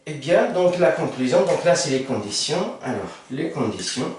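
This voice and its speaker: A man's voice: fairly high pitch, very animated, normal speed, a little mellow, recorded from a distance, soft background music. Male math tutor, hesitant board-side explainer, very echoey room, mic set back. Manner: hesitant, many fillers and self-corrections. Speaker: math teacher. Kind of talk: whiteboard math lesson.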